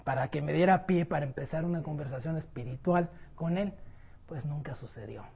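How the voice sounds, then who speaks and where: A woman preaching a sermon in a conversational, animated storytelling way. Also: low voice, fairly quick, gravelly, husky.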